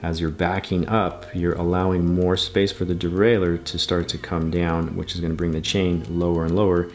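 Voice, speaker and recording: Low, flat-voiced man teaching bike repair. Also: normal speed, faint music behind. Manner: patient, methodical, repeats steps. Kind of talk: step-by-step repair tutorial.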